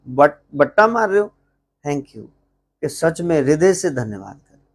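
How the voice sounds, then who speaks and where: A man with a Punjabi accent leads an informal English lesson at a live gathering. He speaks slowly in a fairly high voice, keeps asking the audience questions and then answers them himself. He stretches out English phrases word by word so the class can follow. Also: darkish tone. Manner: slows to spell out English phrases. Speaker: teacher at a spiritual gathering.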